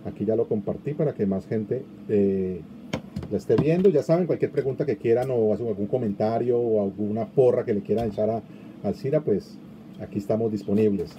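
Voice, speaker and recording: A middle-aged man hosts a live online interview over a video call, chatting easily and reading out viewer comments. His voice sits on the low side and moves a little fast. The webcam audio is lo-fi, with background noise.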